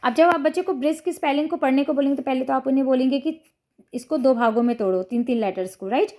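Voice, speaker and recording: ऊँची, मधुर आवाज़ वाली महिला शिक्षिका. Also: female voice, high voice, fast, darkish tone. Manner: patient, step-by-step explaining with frequent "ठीक है" checks. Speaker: teacher explaining phonics to parents. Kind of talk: explanatory lesson to camera.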